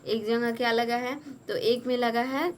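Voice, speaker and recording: A woman tutoring exam students on spelling, going word by word slowly and repeating corrections. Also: a little high, steady tone, slight background noise. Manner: slow, repetitive, correcting each word. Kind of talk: spelling lesson.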